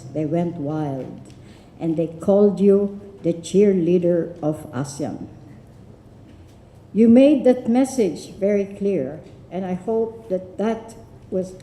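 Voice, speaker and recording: A woman from the Philippines giving a formal tribute speech at a forum, with measured, deliberate delivery. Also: on the low side, dark tone, slight background noise. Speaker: forum speaker. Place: university lecture room. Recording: echoey lecture room.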